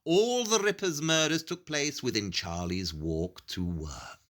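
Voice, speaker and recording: An actor playing Sherlock Holmes-style Victorian detective in an audio play, a man laying out cases deliberately and theatrically, point by point. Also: mid-range voice, a bit bright, lightly acted. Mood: analytical, assured.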